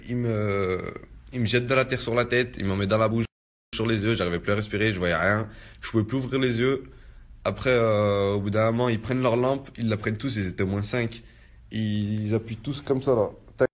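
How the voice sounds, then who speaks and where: A young man casually recounting a personal ordeal in street slang, filling his speech with "en gros". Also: fairly low pitch. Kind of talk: casual spoken testimony.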